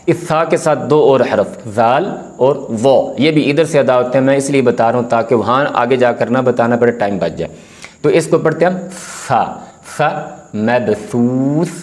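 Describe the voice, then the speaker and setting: A man teaching beginners to read the Quran, calmly explaining how each letter is said and drawing out the sounds to demonstrate them. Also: mid-range voice. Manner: firm when correcting common mistakes. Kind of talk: recorded beginner lesson, explaining letter pronunciation.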